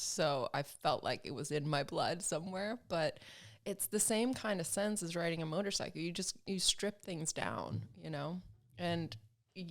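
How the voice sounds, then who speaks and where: A woman in her thirties speaks as a podcast guest, her voice low and roughened by a steady gravelly fry. She talks casually and reflectively, thinking aloud and stopping for small fillers. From Sweden, grew up in Alabama. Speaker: podcast guest, film producer and motorcyclist. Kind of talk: casual conversational interview.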